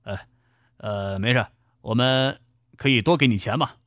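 A man voicing a fat male robber who talks slowly and offhandedly in a low voice. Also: no room sound, studio quality, natural voice. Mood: offhand. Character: unhurried fat male robber in back seat.

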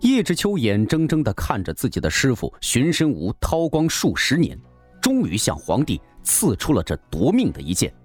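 A male storyteller reading a wuxia novel, his pitch swooping dramatically from line to line. The delivery is suspenseful and theatrical over faint background music. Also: huge pitch swings, moderate pace, breathy edge. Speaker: narrator. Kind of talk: dramatic audiobook narration.

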